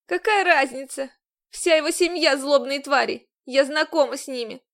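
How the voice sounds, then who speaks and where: A woman's voice: high-pitched, moderate pace, a bit bright, voice pushed up. A woman reading an audiobook, voicing a frightened but defiant young woman fugitive who talks in a tearful, pleading way.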